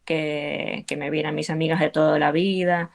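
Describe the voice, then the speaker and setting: An Argentine woman who teaches belly dance speaks in a low, creaky voice with little pitch movement and at a normal speed. In a conversational interview, she talks earnestly and encouragingly, using lots of fillers, with an Argentine Spanish accent.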